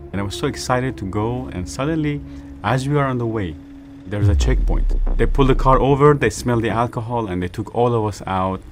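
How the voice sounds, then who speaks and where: A man from Iran, giving a personal faith testimony as an evangelist in an earnest, measured storytelling manner. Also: on the low side. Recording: music playing underneath. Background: background music.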